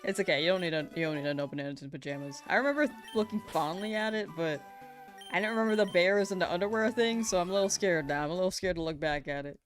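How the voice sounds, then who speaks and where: A woman's voice: on the low side, fast, soft background music. A young woman streaming a game, chatting casually and giggling as she reads viewer messages. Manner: laid-back, giggly, chatting with viewers while hunting in a game. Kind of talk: casual live-stream chat.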